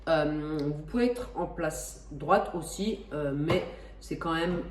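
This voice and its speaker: A woman's voice: sits low, slow, a little hiss or hum. Chatty Frenchwoman explaining, roomy and distant. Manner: chatty, many hesitations and restarts, self-joking. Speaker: flight simulator tutorial host. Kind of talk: casual tutorial explanation.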